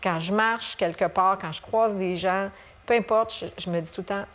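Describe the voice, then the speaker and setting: A woman from Quebec with a Québécois accent, a guest author telling stories in a relaxed chat, full of fillers and restarts. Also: medium pitch, normal speed, a little hiss or hum. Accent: Québécois French. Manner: animated storyteller, many fillers and restarts. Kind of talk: casual conversation on a talk show.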